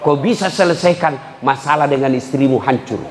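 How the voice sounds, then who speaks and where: A middle-aged man giving a humorous sermon to a live audience, joking and teasing and breaking into sudden shouts. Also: mid-range voice, normal speed, a little hiss or hum. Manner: lively, joking, jumps to sudden shouts, teases listeners. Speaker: preacher. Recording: echoey hall with faint crowd ambience.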